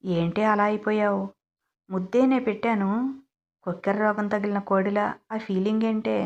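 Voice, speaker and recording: A woman's voice: medium pitch, fairly even intonation, moderate pace, a little mellow, muffled recording, natural voice. A woman voicing a brash, playful young groom who teases and insists. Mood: teasing. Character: bold teasing young man, newly married groom.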